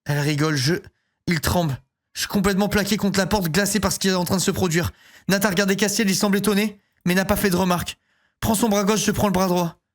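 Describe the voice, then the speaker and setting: A woman's voice: mid-range voice, fairly even intonation, quick pace. A woman streaming a story game, reading every line aloud and slipping into put-on voices for the characters. She talks in bursts, stopping often to swear or to comment on the scene. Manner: voices characters with mock accents, breaks into swearing and laughter. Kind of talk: reading a visual novel aloud with live reactions.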